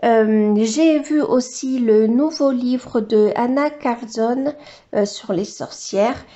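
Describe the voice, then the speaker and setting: A woman's voice: a little high, slow pace, dark tone, dull audio. A woman vlogger chatting casually while she colors, hesitant and full of filler sounds, now and then cooing to her dog in baby talk. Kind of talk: casual coloring vlog chat.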